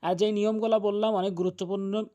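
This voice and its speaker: Guy with a high voice teaching quran reading, goes letter by letter, really insistent. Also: flat delivery, fast, warm tone. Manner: earnest, emphatic, drills pronunciation letter by letter. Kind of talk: religious lesson on Quran recitation.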